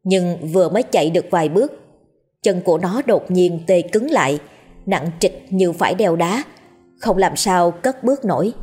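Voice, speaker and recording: Female storyteller for a horror tale, steady and dramatic, husky tone, faint music bed. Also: on the low side, normal speed. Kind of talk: scripted horror story narration.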